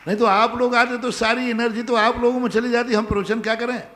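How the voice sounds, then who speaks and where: Emphatic monk preaching in a reverberant hall. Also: male voice, extremely high pitch, little pitch movement, fairly quick, fairly bright tone. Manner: emphatic, repeats commands. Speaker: Jain monk giving a discourse. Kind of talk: sermon answering devotees' questions. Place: large pandal, nearly empty.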